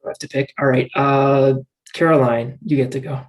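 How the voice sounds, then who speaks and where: A man's voice: medium pitch, fairly even intonation, moderate pace, low-quality recording. A young man from Massachusetts on a casual video call panel, easygoing and self-deprecating. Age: young adult. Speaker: student panelist. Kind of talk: casual livestream Q&A.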